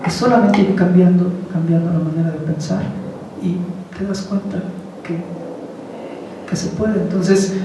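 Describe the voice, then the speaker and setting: A man gives an informal dharma talk in a conversational way, asking the audience questions in a high voice with fairly even intonation. He speaks unhurriedly with long pauses, far from the mic in an echoey hall, and there is background noise.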